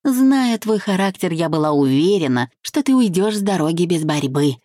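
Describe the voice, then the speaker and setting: A woman's voice: lowish voice, big pitch swings, moderate pace, dark tone, dry recording, studio quality. A woman reading an audiobook voices a jealous, spiteful young woman who mocks and shrieks.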